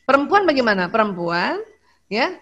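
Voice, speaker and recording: Indonesian woman, middle-aged, fairly high voice, lively talk on marriage, acts out little dialogues. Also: normal speed, lo-fi sound. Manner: animated, acts out short dialogues. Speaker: speaker at a women's study group.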